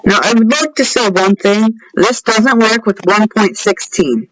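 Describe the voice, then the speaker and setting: A man's voice: high-pitched, measured pace, a bit bright, slight background noise. A man giving casual gameplay commentary on his own game mod, rambling with offhand asides and talking straight to his viewers. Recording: dull lo-fi recording.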